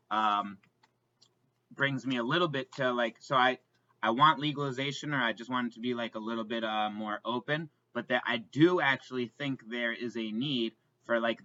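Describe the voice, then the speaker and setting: A man's voice: medium pitch, fairly even intonation, moderate pace, pushed and bright, lo-fi sound. A man co-hosting a podcast in casual chat, rambling with lots of fillers and restarts. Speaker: podcast co-host.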